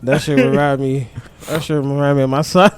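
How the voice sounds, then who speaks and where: A man in his thirties co-hosting a casual podcast, a lively storyteller who laughs and acts out voices. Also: mid-range voice, brisk, clean tone. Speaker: podcast co-host.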